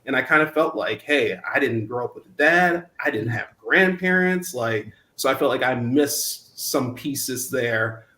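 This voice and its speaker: Halting young man in a roomy space. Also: mid-range voice, expressive, pushed and bright. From Minnesota. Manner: halting, many restarts and ums. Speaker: guest. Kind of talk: reflective interview talk. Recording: roomy echo.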